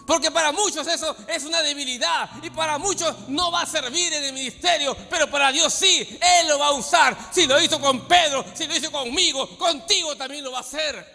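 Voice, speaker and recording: A man from Peru preaching a sermon as pastor, with dramatic swings from soft asides to shouting. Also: very high voice, brisk, creaky, few pauses. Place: church hall. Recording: long church hall reverb with faint music.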